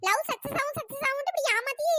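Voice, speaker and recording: A woman's voice: extremely high pitch, fairly even intonation, a little fast, bright, forceful tone, no room sound. A woman voicing a cheeky, lovesick little schoolgirl in a cartoon who whines and accuses. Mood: indignant. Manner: whiny, accusing, demanding her money back.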